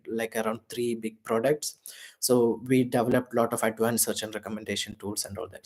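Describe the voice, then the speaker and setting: A man, shivering in the cold outdoors, hosting a live Q&A and giving earnest career advice full of fillers. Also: mid-range voice. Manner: earnest, rambling, with many fillers. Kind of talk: live Q&A chat.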